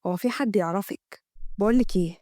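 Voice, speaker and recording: A woman voicing a scheming young man who pressures his lover, speaking low and coaxingly. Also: fast, dark tone, dry recording, clean studio sound, natural voice.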